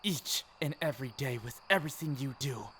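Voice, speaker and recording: A slightly bright, medium-pitched man talks a little fast while roleplaying an affectionate, teasing boyfriend for ASMR. He's an amateur audio performer, and the clip is clearly noisy with background ambience.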